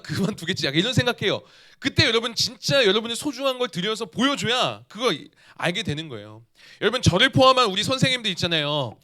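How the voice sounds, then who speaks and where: Lively, bright-voiced young man preaching. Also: very high-pitched. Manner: lively, asks the audience questions and acts out quotes. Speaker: youth pastor. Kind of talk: youth sermon.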